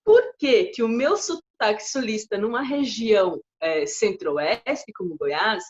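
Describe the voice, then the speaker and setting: A woman in her thirties from southern Brazil, co-hosting a casual chat and telling a story in a chatty, animated way. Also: mid-range voice, slow pace, husky. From far west of Santa Catarina, Brazil. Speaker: co-host. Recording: dull lo-fi audio.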